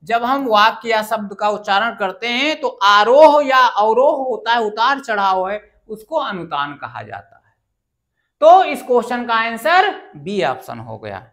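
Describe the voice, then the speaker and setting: A woman's voice: on the high side, big pitch swings, a little slow, fairly bright tone. A woman teaching an exam-prep grammar lesson who keeps asking the class questions and answering them herself.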